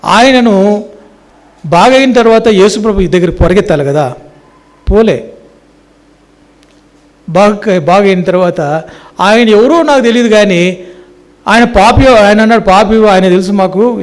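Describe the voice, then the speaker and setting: A man from India, a pastor, preaching a sermon in a prayer hall. He tells the story in a lively way, acting out the voices of its people, and swings between loud calls and soft asides. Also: sits high.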